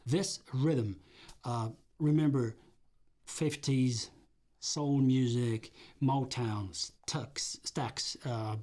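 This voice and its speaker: Swedish guy in his 50s rambling about music on a stream, dark mellow tone, hums grooves out loud. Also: medium pitch, extremely slow. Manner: rambling, hums rhythms with mouth sounds. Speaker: livestream host and music producer. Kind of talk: casual livestream chat about music.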